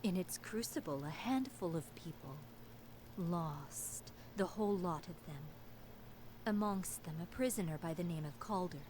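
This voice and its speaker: An actress playing a solemn, cryptic fortune teller in a video game, delivering theatrical prophecies. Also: female voice, on the low side, lively intonation, a little slow, darkish tone, slight background noise. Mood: cryptic, measured. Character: solemn, cryptic fortune-telling seer woman. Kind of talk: dramatic game voice acting.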